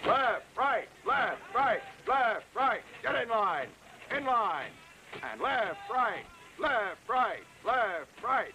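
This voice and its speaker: A man's voice: very high-pitched, very animated, slow, noisy background, heavily acted. An actor playing a bossy male army drill sergeant who barks clipped commands in a dubbed film. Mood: barking orders. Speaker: drill instructor.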